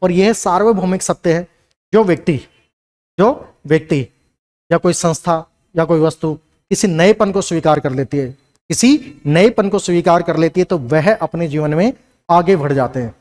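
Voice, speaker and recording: A man's voice: fairly high pitch, normal speed, darkish tone. A man teaching a Hindi language lesson, who asks questions and answers them himself and repeats key lines. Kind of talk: classroom lecture.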